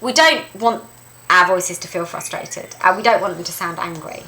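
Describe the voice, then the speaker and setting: Bright-voiced woman teaching dog training. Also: moderate pace, creaky, a little hiss or hum, poor audio. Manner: lively and emphatic, repeats key points, jumps up high when voicing calls to her dog. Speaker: dog trainer presenting a video lesson. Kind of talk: instructional talk to camera.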